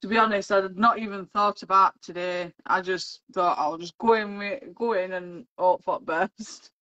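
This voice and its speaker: A woman chatting casually while colouring on a livestream, unhurried, with soft chuckles and fond remarks. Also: mid-range voice, steady tone, no room sound. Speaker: livestream co-host. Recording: dull, dry lo-fi livestream audio.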